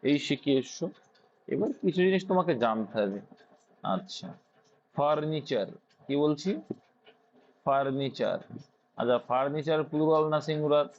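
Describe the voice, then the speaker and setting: A male English grammar tutor with a Bengali accent speaks at a moderate pace with frequent pauses, his fairly high voice carrying a darkish tone. He asks students questions and then answers them, on a dull lo-fi recording.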